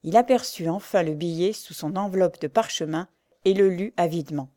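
A woman reading a classic adventure story aloud in a measured narration. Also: lowish voice, warm tone, dry recording, studio quality.

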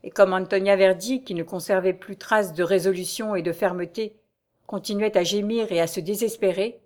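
A woman's voice: mid-range voice, steady tone, moderate pace, darkish tone. Woman narrating an audiobook.

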